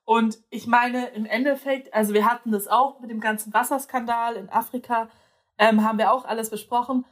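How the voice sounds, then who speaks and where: A young woman talks in a relaxed, conversational way, and her voice sits a little on the high side. She often pauses to search for words and restarts her sentences. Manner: hesitant, many fillers and restarts. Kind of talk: casual chat.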